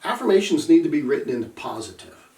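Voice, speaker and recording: A man's voice: fairly high pitch, big pitch swings, quick pace, a little mellow. A middle-aged man, a recovery coach, talking earnestly and emphatically to camera and telling stories from his own life. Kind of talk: casual talk to camera. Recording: echoey room, mic at a distance.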